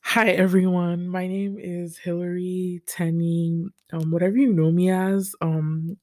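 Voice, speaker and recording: Low-voiced, chatty young woman podcaster. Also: flat delivery, unhurried, darkish tone, no echo, clean studio sound. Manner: chatty and nervous, many fillers like "like" and "um". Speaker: podcast host. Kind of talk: casual chat. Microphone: own podcast microphone.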